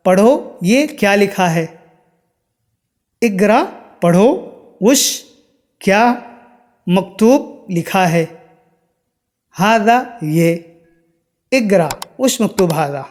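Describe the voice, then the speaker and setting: High-pitched guy teaching words slow and patient, repeats everything, reverby room. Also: darkish tone. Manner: slow, repeats each word several times; stresses exact pronunciation. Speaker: Arabic teacher. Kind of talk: spoken language lesson.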